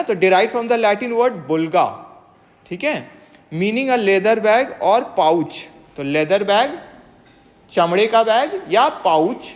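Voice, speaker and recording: Patient teacher with a long room echo. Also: medium pitch. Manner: reads English definitions slowly, then explains them in Hindi; checks understanding with frequent tag questions. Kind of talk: exam-prep classroom lecture. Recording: long reverb, echoey room.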